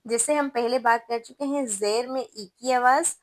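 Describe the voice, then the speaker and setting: A woman teaches tajweed in a patient, explaining voice, stretching each sound out slowly for her students. Her voice sits somewhat high. The recording is close and dry, with no room echo. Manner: patient, explanatory, slow drawn-out sound demos. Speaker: Quran recitation teacher. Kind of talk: tajweed lesson.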